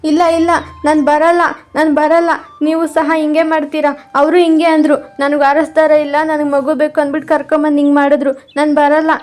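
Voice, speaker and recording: A woman's voice: steady tone, dark tone, soft background music, close to an everyday voice. Woman doing a frightened little orphan boy. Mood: frightened, pleading. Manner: pleading, high and fast.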